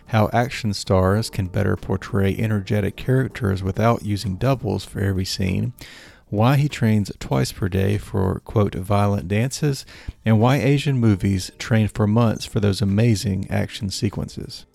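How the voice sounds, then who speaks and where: A man hosting a podcast, reading a smooth scripted introduction. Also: lowish voice, unhurried, darkish tone. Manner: smooth, read-out delivery. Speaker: podcast host.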